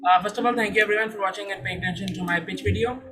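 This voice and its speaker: A man's voice: sits high, fairly even intonation, very fast, a crowd in the background, low-quality recording. A young man from Saudi Arabia presenting his startup and answering questions in an earnest, formal way. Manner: earnest, formal, with polite "sir". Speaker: startup founder. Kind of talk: startup pitch and Q&A.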